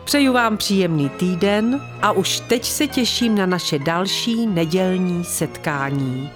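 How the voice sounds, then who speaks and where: A woman reading a first-person story aloud in a calm, measured way as the storyteller of a weekly show. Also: fairly low pitch, music in the background.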